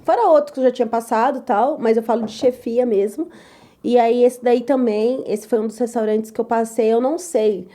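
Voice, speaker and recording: A young woman chef telling her story in an interview, lively and loud, acting out the voices of others. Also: a little high, moderate pace. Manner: lively, acts out quoted voices, repeats "tal, tal"; says she talks loud and gruff. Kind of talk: animated personal storytelling.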